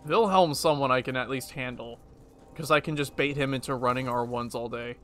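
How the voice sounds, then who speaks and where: A young man streaming a video game, muttering sarcastic commentary, swearing and yelling at enemies. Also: mid-range voice, a little fast, slight background noise. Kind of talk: casual gameplay commentary.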